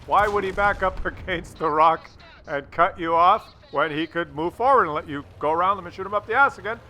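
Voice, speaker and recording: A man with a high, sharp-toned voice talks a little fast while commenting on a game replay for his video. He keeps it casual, wry and sarcastic, teasing and cracking crude jokes. Faint game noise runs behind his voice.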